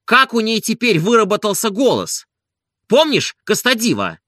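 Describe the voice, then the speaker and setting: A man voicing an energetic, warm-hearted friend who urges and insists, in an audiobook. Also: high-pitched, moderate pace, dry recording, clean studio sound, pitched above the performer's own voice, exaggerated voice. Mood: insistent. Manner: urging, emphatic.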